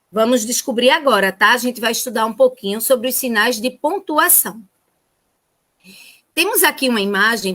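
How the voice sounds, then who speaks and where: A woman's voice: on the high side, a bit bright. A Brazilian woman teacher giving a remote lesson to first graders in a sing-song, child-directed way. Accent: Brazilian Portuguese.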